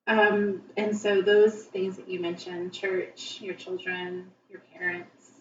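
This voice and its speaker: A woman asks friendly, encouraging interview questions. Her voice sounds re-recorded off a television speaker, so it comes across distant, muffled and ringing with room echo. Her pitch sits in the middle range. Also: monotone, slow pace, slight background noise. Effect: re-recorded through a TV speaker. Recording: echoey, dull, distant TV re-recording.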